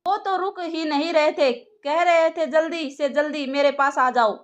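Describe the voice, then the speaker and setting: A woman's voice: high-pitched, a little slow. A woman voicing an eager, shy young woman in love in an audio story. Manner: hesitant, sweet.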